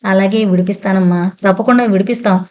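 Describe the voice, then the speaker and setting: A woman voicing a timid man who pleads in a polite, gentle way. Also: medium pitch, fairly even intonation, fast talker, close to an everyday voice. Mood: polite pleading.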